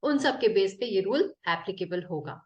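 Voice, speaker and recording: A woman's voice: medium pitch, expressive, moderate pace, reverberant, lo-fi sound. A woman teaching English spelling rules in Hindi, explaining each rule and spelling out example words letter by letter.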